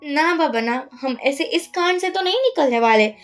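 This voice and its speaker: A fretful young woman who keeps warning her friend, cautious and uneasy, as a woman narrating puts her on. Her voice is high. Soft music runs behind it. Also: animated, normal speed. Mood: worried. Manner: worried, warning.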